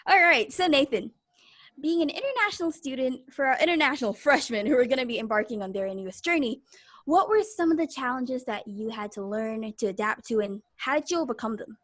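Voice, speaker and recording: A woman's voice: sits high, expressive, a little fast, a bit bright. A young woman hosting a live online show, chatty and upbeat, talking straight to the audience over a video call. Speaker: host. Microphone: video call mic.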